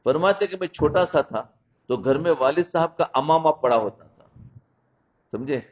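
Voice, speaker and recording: A man's voice: fairly high pitch, expressive. Man preaching, dull lo-fi sound. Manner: storytelling, asks listeners "understood?". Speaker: Islamic preacher. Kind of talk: sermon with storytelling. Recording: dull lo-fi recording.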